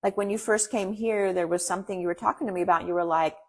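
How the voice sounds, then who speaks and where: With a medium pitch and a steady tone, this native Farsi speaker talks as an interview guest in a casual setting, earnest and encouraging, delivering her words in fast bursts. A faint hiss or hum is audible.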